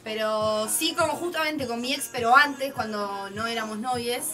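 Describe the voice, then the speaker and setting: Young rioplatense girl on stream, high voice, just blurting out stories over music. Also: normal speed, sharp tone. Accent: Rioplatense Spanish. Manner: frank, joking storyteller. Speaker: stream co-host. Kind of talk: casual chat.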